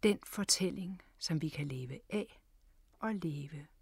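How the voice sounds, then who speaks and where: A woman's voice: sits low, animated, vocal fry, slightly rough, no echo. A woman storyteller and radio host, telling a story with dramatic shifts between a full voice and a whisper.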